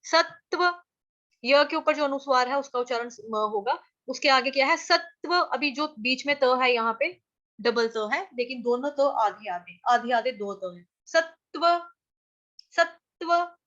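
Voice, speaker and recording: A woman teaching how to chant Sanskrit verses, chanting each line slowly and then explaining the sounds syllable by syllable in a chatty, patient way. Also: high-pitched, a bit bright, lo-fi sound. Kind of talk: online class teaching verse pronunciation.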